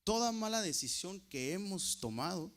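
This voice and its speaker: Preacher man, high-ish voice. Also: lively intonation. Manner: preaches with wide swings in pitch and loudness, repeats phrases slowly for emphasis; addresses congregation as brothers. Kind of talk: sermon.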